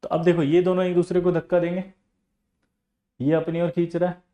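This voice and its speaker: High-voiced, teasing chemistry teacher. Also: male voice, flat delivery, fairly quick, warm tone. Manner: teasing, scolding, explains with examples. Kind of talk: classroom lecture.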